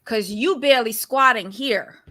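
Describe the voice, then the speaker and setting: A woman's voice: on the high side, moderate pace, sharp tone. A woman co-hosting a reality-show recap, talking bluntly and sassily with exasperated reactions. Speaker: podcast co-host reviewing a reality show. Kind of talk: casual commentary chat.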